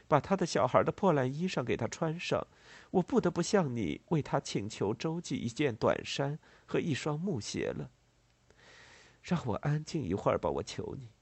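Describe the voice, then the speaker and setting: A ruined, dignified widow answers quietly in an audiobook, as a man narrator puts her on. Her lines come in a slightly raised, husky voice, restrained and cool, with a lively rise and fall. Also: fairly high pitch, no room sound, pitched above the performer's own voice, exaggerated voice.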